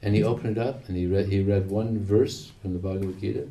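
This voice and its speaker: Low mellow guy leading the group, pushing folks for stories, echoey. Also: fairly even intonation, fast. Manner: encouraging, prompts others. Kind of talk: casual chat. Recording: echoey room, distant mic, faint noise.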